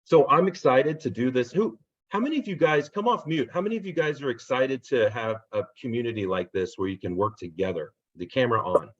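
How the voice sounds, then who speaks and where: Husky-voiced man hosting a video call. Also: medium pitch, expressive, brisk. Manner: upbeat, rambling, motivational. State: losing his voice, clearing his throat. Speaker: host of a real estate agent training call. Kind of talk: casual video call pep talk. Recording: dull lo-fi video call audio.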